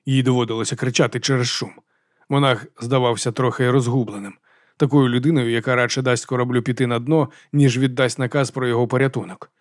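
A man reading a dark fantasy novel aloud as an audiobook narrator, in brisk, steady storytelling. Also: mid-range voice, no echo, clean studio sound.

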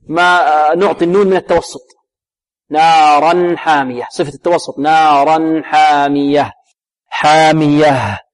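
Male recitation teacher, a little high-pitched, question-and-answer explaining with slow, repeated demonstration recitation. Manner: explains rules, then slowly recites and repeats each word; asks questions and answers them himself. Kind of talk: tajweed lesson.

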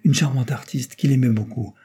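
A man voicing a lively, teasing young woman in an audiobook, with his pitch lifted and a husky tone. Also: a little fast. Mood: somber.

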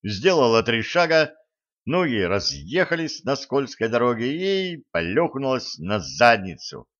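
A man narrating an audiobook in a measured, even reading. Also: medium pitch, lo-fi sound.

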